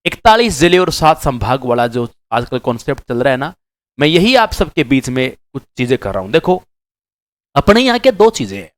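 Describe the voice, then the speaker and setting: A man's voice: medium pitch, very animated, normal speed. A man teaching exam-prep students, lecturing straight to them emphatically and repeating key words for stress. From Rajasthan. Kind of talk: direct-to-camera lecture.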